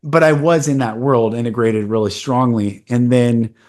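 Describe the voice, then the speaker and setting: A podcast host in his forties tells a personal story in an earnest, candid, casual conversation. His mid-range voice is a little mellow, with fairly even intonation at a moderate pace.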